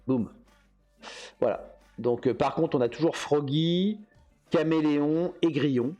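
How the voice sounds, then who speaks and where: A man's voice: fairly high pitch, a little mellow. Rambling, hesitant man hosting a stream. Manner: rambling and hesitant, with many fillers and chuckles. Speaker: host. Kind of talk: casual livestream chat.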